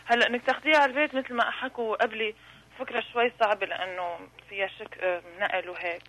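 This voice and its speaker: A woman's voice: fairly high pitch, bright, forceful tone. A woman with a Levantine Arabic accent calling into a radio show, chatting casually over a phone. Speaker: phone-in caller. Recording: faintly noisy phone line.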